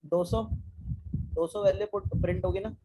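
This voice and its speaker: A man's voice: high-pitched, fairly even intonation, moderate pace, warm tone, breathy edge, poor audio. A young man teaching a live online coding class, talking students through code step by step, asking them questions and mixing English technical terms into casual Hindi. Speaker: programming teacher.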